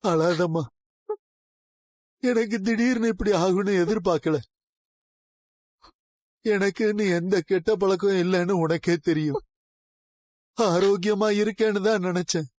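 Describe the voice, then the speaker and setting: A man's voice: high voice, unhurried, long pauses, darkish tone, no echo. A middle-aged actor playing an ailing, loving father who longs for his daughter in a TV serial. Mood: emotional. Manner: weak, emotional. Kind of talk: TV serial acting.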